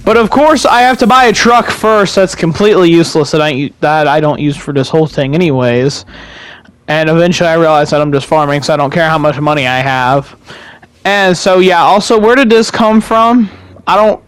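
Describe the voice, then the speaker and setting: A man's voice: on the high side, brisk, a bit bright, clear, resonant tone, no echo. A young man giving casual, rambling commentary over his own farming game footage, swearing freely and restarting his sentences. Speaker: gaming YouTuber.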